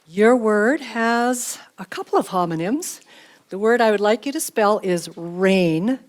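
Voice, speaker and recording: A woman acting as spelling bee pronouncer, reading out words and definitions in a measured, clearly enunciated way. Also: mid-range voice, animated.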